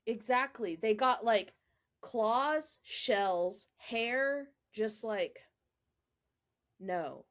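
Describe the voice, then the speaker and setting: A woman's voice: a little high, expressive, very slow, a bit bright. Young woman podcast co-host, chatty storyteller, casual filler-heavy delivery. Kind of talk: casual chat.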